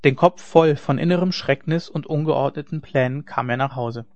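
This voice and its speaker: A man reading a classic novel aloud as an audiobook narrator in a steady storytelling manner. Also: medium pitch, moderate pace. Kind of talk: scripted narration. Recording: dry, dull lo-fi recording.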